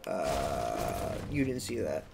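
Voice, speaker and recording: A young man giving a casual gameplay walkthrough as the channel's creator, chatty, often checking in with "okay?" and adding "boom" sound effects. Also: big pitch swings, takes it slowly, vocal fry, heavy background noise. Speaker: gaming tutorial creator.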